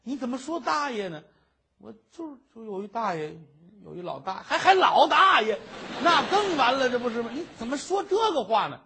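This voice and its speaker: A man voicing a flustered, lovesick young scholar who stammers and gets easily excited, in traditional comic storytelling. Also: extremely high pitch, a little fast, gravelly, slight background noise, pitched above the performer's own voice, heavily acted.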